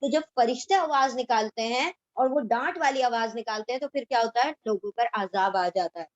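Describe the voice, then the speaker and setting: A woman teaching a word-by-word Quran translation lesson, reciting verses slowly and then explaining them in everyday speech mixed with English words. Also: a little high, no room sound, lo-fi sound.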